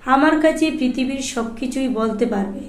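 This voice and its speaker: A woman's voice: high voice, moderate pace. A woman doing a curt, dismissive young husband. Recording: roomy echoing room.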